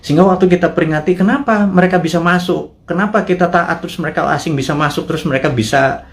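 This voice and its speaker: A man's voice: a little high, quick pace. A man hosting a live show, delivering a political commentary monologue with impassioned rhetorical questions and colloquial asides. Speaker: host.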